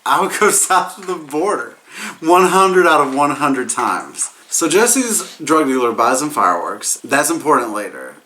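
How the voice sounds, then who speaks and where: A man's voice: medium pitch, bright, forceful tone, a little hiss or hum. A man who sounds drunk, giving a casual comedic movie recap as a reviewer, rambling, repeating himself and losing his thread.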